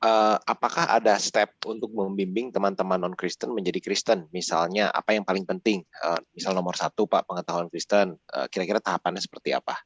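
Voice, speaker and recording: Deep raspy guy reading out study questions, kinda hesitant, dry muffled sound. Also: steady tone, no echo. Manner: reads questions haltingly.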